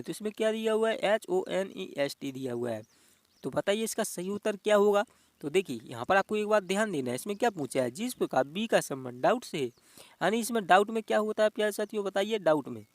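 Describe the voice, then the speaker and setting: A man's voice: sits high, no room sound. A man teaching an exam-prep reasoning lesson. He talks in a repetitive, coaxing way and keeps addressing the viewers as dear friends.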